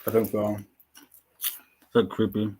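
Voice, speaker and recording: A man's voice: fairly low pitch, completely flat delivery, unhurried, mellow, slight background noise. A man chatting casually on a reaction stream, rambling loosely and filling his talk with fillers. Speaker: stream co-host reacting to videos. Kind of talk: casual chat.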